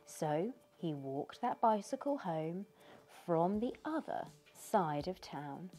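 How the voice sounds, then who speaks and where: A middle-aged woman from the United Kingdom reads a picture book to children in a living room, pausing to ask them questions. Her fairly low, mellow voice has a slow, sing-song storytelling lilt, with faint music in the background.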